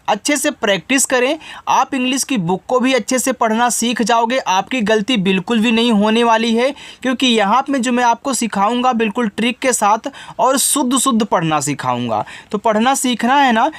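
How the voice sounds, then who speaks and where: A man's voice: very high voice, dry recording. Patient Hindi-accented male English teacher. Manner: patient and repetitive, often asking and then answering his own question. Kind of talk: spoken lesson explaining word by word.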